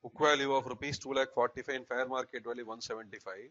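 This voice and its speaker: A middle-aged accountancy teacher with a Tamil South Indian accent lectures and dictates notes, often checking on the class with short questions. His mid-range voice is steady, very fast, bright and forceful. The recording is slightly noisy and muffled, with keyboard clicks.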